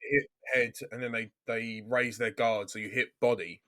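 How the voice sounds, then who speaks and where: Podcast co-host, male, middle pitch, relaxed explainer who swears casually. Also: normal speed. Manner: laid-back, explaining, many ums and swearing. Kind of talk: casual chat.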